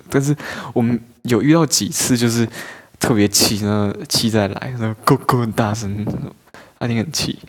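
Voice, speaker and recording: A man's voice: mid-range voice, moderate pace. A young man telling funny stories about himself in a chatty, self-mocking way and laughing often. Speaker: podcast host. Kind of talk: casual storytelling monologue.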